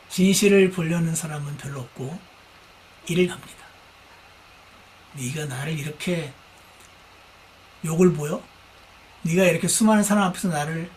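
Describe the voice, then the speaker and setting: Male pastor, high voice, lively dramatic sermon delivery, acts out quoted voices. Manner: animated, acts out quoted speakers, mimics shouting. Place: church.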